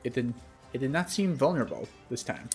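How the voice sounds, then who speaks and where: Young male game master, casual descriptive narrator, mid-pitched, filler-heavy. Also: expressive, fairly quick, soft background music. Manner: loose, descriptive narration full of "like". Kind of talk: narrating a tabletop game over voice chat.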